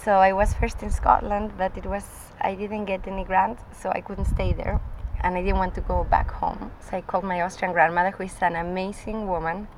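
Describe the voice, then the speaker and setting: A woman's voice: mid-range voice, level tone, a little fast, hardly any pauses, slight background noise, rough recording. A woman from Spain with a Spanish accent, a performance artist rambling through an interview with frequent restarts and laughs. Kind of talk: casual interview chat.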